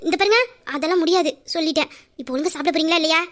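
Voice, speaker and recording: A woman voicing a sharp-tongued but caring young wife who scolds her husband in an audio drama. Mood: scolding. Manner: scolding, quick and shrill. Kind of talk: Tamil audio drama dialogue.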